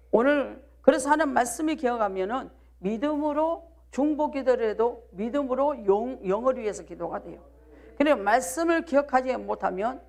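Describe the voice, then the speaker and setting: A woman's voice: on the high side, vocal fry, a little mellow. A woman pastor from South Jeolla with a Jeolla accent, preaching a live midweek sermon and pressing the congregation with rhetorical questions and calls of "do you believe?". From South Jeolla, Korea.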